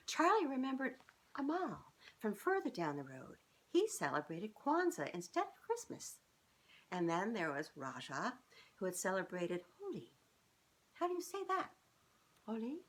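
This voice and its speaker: This is a woman in her fifties with a mid-range, slightly breathy voice, reading a children's story aloud at a moderate pace. She keeps it expressive and informal, pausing often to comment to the kids listening. The setting is a living room sofa indoors, with a camera placed a little way off.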